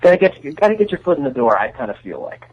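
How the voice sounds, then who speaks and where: A man's voice: medium pitch, big pitch swings, racing, husky, lo-fi sound. A young man, a band musician, answering interview questions in an earnest, thinking-aloud way.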